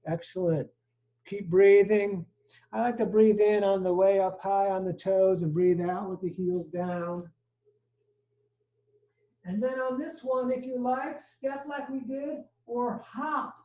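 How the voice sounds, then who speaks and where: A yoga teacher with a mid-range, mellow, soft-edged voice steadily cues each pose and breath for a live class in short phrases, a bit out of breath. The recording is dull and lo-fi, made from a distance in an echoey studio.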